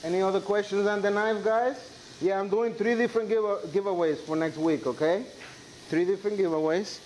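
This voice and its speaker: A man's voice: high-pitched, fairly even intonation, brisk, a little mellow, rough recording. A man with a Dominican accent, a native Spanish speaker, chatting casually to viewers and crew as he hosts a cooking demonstration. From Dominican Republic. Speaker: chef hosting a live cooking class. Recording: clear sizzling and kitchen noise.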